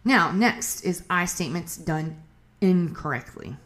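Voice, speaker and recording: A woman's voice: fairly low pitch, lively intonation, unhurried, fairly bright tone. A woman hosting a casual advice podcast, talking frankly and chattily with swearing and asides. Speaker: podcast host. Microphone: livestream on phone.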